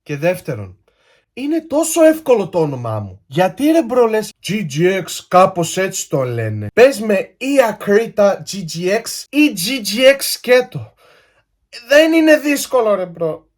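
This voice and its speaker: Exasperated young guy ranting, lively pitch. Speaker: YouTuber host. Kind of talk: reaction commentary on a clip.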